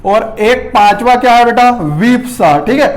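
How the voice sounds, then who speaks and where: A man's voice: very high voice, steady tone, normal speed. A man teaching a lesson to students, calling them "beta", asking quiz questions and checking in with "theek hai". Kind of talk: classroom lesson.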